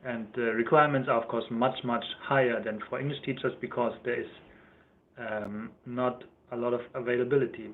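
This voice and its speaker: A young German-accented YouTuber chats casually on a livestream in a steady, mid-range voice at a brisk pace. He rambles and corrects himself while answering viewers' questions. The audio is thin, like a phone.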